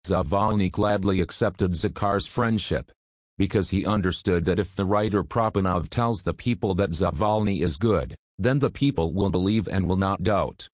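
A man narrating a story in an even, steady reading manner. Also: sits low, normal speed, no room sound, clean studio sound.

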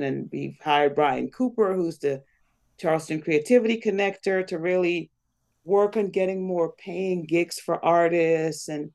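A woman's voice: lowish voice, darkish tone. A woman from Guyana, a community foundation CEO, talking earnestly as an interview guest. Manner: earnest, speaks of blessing and collaboration.

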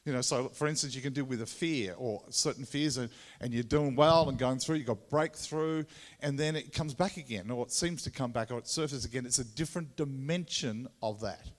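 A man with a Tasmanian Australian accent gives an informal sermon as a visiting preacher, halting and conversational, often repeating his words. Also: medium pitch. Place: large room or hall, speaking to a congregation. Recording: echoey hall with long reverb.

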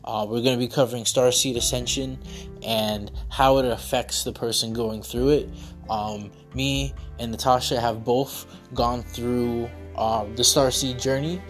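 A man hosting a casual podcast, talking in a halting way with many fillers and restarts. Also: medium pitch, fairly even intonation, faint music behind. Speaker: podcast host.

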